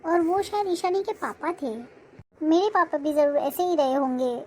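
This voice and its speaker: A woman's voice: extremely high pitch, lively intonation, normal speed, a little mellow, slight background noise. A woman voicing a bossy scheming young heroine. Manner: bossy and cutting. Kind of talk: cartoon voice acting.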